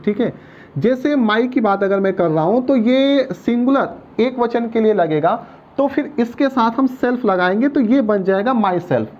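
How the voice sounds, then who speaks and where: A man's voice: extremely high pitch, expressive, unhurried, highs cut off. A male teacher giving a patient grammar lesson, repeating each point and checking that students follow. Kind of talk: grammar lesson explaining at a board.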